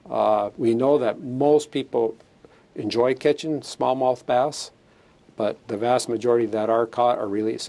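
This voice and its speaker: A man's voice: mid-range voice, a little mellow. A middle-aged man, a fisheries chief explaining new rules in a plain, matter-of-fact way, with fillers and restarts, on a lapel mic in a studio. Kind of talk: studio interview, explaining regulations. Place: studio set, indoors.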